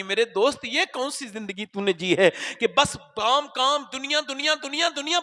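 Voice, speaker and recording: Impassioned male preacher, bright voice. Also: on the high side. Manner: impassioned, dramatic storytelling. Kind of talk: sermon. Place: religious gathering.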